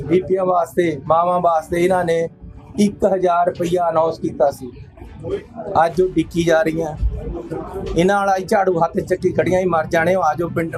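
High-voiced Punjabi man giving a scornful speech. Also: poor audio. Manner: scornful, appealing to listeners. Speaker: politician addressing a crowd. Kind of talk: political speech.

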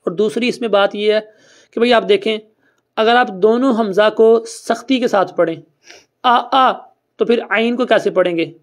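A recitation teacher giving a classroom lesson who explains step by step in a plain, conversational way and keeps quizzing students to repeat answers back. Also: medium pitch. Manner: patient, quizzes students and has them repeat. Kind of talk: classroom lesson with call-and-response.

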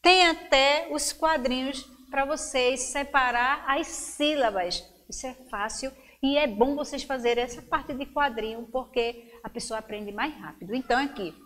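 A woman's voice: sits high, moderate pace, hardly any pauses, fairly bright tone. A woman teacher giving a lesson to young children, encouraging them and stretching words out syllable by syllable. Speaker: schoolteacher.

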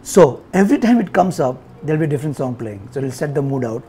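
In a showroom-style indoor space, a man in his forties with an Indian accent unboxes a product for viewers, speaking to them directly in a casual review. He has a mellow, mid-range voice, is very animated and talks fast, while faint music plays behind.

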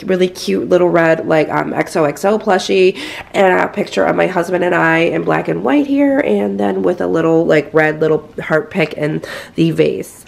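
A woman in her thirties with a fairly low, gravelly, scratchy voice chats casually while giving a home decor tour inside a house. She films on a handheld phone camera and fills her talk with lots of fillers.

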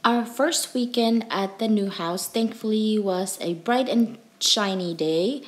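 A woman's voice: medium pitch, slow pace, husky. A young adult woman vlogger giving a cheerful, chatty voice-over for a home video, with frequent ums and uhs.

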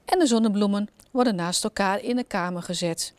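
Storyteller: woman, gentle and expressive, close dry mic. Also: mid-range voice, fairly quick, dry recording. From Netherlands. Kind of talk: children's story reading.

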